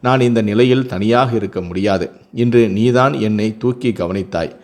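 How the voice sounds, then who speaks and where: A man voicing an anxious pregnant older sister in a Tamil family story, speaking softly. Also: on the low side, moderate pace, close to an everyday voice. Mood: worried.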